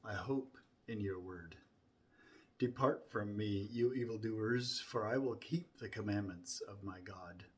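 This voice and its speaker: A man with a fairly low voice recites scripture very slowly and solemnly. Each phrase is deliberately set out, opening with emphasis and easing off softly as it closes. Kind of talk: solemn Bible recitation from memory.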